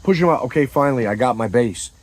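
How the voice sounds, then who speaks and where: A man telling a comedic story in casual chat, animated and profane, acting out scenes with sound effects and quoted lines. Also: medium pitch, fast talker, no room sound, low-quality recording.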